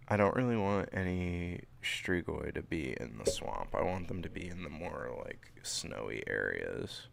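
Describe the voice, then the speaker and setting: A sniffly man in his thirties from the St. Louis area, nursing a cold, streams live from a small home room as he works out a tabletop game setting. His low, sing-song voice moves a little slowly with vocal fry and almost no pauses, rambling and interrupting himself as he thinks aloud. A desk mic in front and a webcam pick him up over slight background noise.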